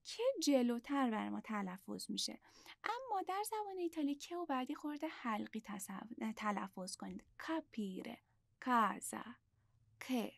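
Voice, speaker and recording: A woman teaching a language lesson, explaining patiently step by step and repeating words slowly. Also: fairly high pitch, sing-song, creaky, dry recording, studio quality.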